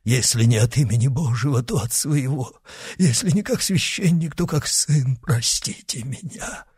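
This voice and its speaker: A man reading aloud voices a dying, guilt-stricken executioner who begs for absolution in a husky, broken voice. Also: low voice, animated, normal speed, no room sound, studio quality, heavily acted. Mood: begging. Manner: desperate, broken pleading.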